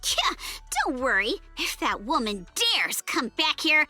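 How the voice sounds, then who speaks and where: A proud young lady of good family in an anime game. Her voice is extremely high, bright and swooping, prim yet plucky and earnest. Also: lively intonation, a little slow, soft background music, full character voice. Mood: proud, defiant. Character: proud, plucky young rich girl, student surfer.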